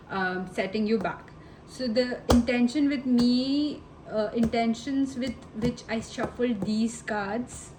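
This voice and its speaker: Slow-talking affectionate woman tarot reader. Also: on the high side, slight background noise, poor audio. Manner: affectionate, rambling, addresses viewer as babe and honey. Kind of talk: casual tarot reading to camera.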